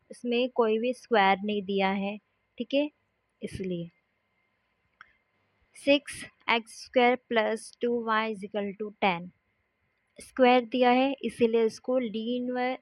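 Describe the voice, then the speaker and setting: A woman teaching a maths lesson, explaining step by step and often pausing to check that the class is following. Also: fairly high pitch, no echo. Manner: patient, repeats "ठीक है" to check along. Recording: dull lo-fi sound.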